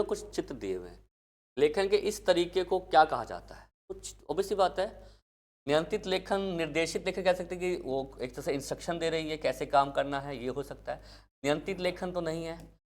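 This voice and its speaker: A male teacher giving an exam-prep lecture, asking questions and answering them himself. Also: on the high side. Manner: asks questions and answers them himself, addresses students as kids.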